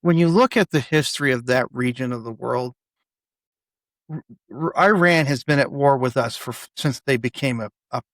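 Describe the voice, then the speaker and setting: A man co-hosting a podcast in a casual political debate, talking excitably, swearing and stumbling over restarts. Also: medium pitch, moderate pace, no echo. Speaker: podcast co-host.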